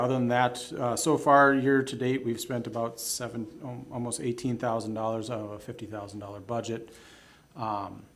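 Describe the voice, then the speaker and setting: A man giving an informal report at a public meeting with halting, casual phrasing. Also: on the low side, a bit bright. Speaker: staff presenter. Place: public commission meeting room.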